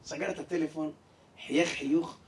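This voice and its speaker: A stand-up comedian with a high voice tells a long comic story. He talks in an animated way and jumps into character voices. He sounds somewhat distant from the mic.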